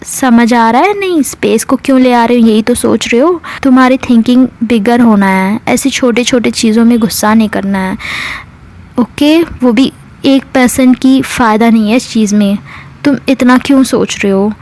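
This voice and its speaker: A woman voicing a calm, reasoning young woman who pleads with her angry partner in a told love story. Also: a little high, moderate pace, close to an everyday voice. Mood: coaxing.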